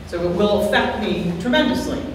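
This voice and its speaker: At a board hearing, a woman resident gives public comment, worried and earnest, repeating herself. Her loud, expressive voice is medium-pitched and brisk. She is far from the mic in a large, echoey town meeting hall, with faint hiss on the recording.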